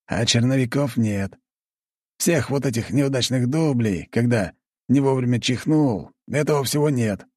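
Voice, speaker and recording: A man's voice: medium pitch, measured pace, a little mellow, voice pushed up, natural voice. A man voicing a blunt, chain-smoking count who swears and talks sardonically, reading an audiobook. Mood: sardonic.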